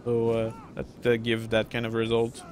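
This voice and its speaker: Commenting on a strategy game, a middle-aged Quebec streamer with a French Canadian accent rambles casually, leaning on plenty of fillers. His mid-range voice has a completely flat delivery at a moderate pace, with slight background noise.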